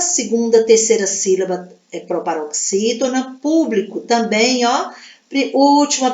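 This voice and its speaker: A woman from Brazil with a Minas Gerais accent, a Portuguese teacher going through exercises in a recorded class, patiently spelling out syllables one by one. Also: high-pitched. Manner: patient, spells out syllables slowly, uses diminutives. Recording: echoey room.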